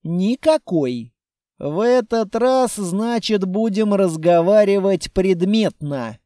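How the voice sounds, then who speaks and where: A man giving first-person audiobook narration in an even, measured reading. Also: high voice, dry recording, studio quality.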